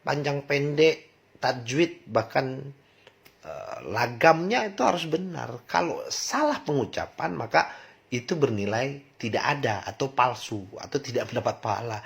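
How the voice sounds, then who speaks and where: A man talking through a question in a casual monologue, asking many rhetorical questions and pausing on fillers. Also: medium pitch, vocal fry. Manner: reflective, asks rhetorical questions, frequent fillers. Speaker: channel host discussing religion.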